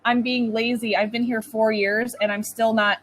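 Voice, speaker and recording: This English tutor with a North American accent chats casually with her student online, dropping "like" frequently. She speaks at normal speed in a slightly high voice with little pitch movement.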